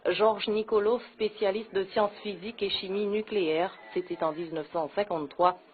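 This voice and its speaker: A woman reading a scripted news report in a measured, even way. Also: medium pitch. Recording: narrow phone-like audio.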